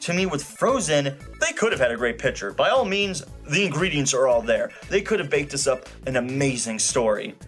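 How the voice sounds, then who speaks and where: Here a male film reviewer, medium in pitch and fairly bright in tone, swings his pitch widely while talking at a moderate pace with hardly any pauses. His scripted review is opinionated, emphatic, sarcastic and casually profane, with music playing behind him.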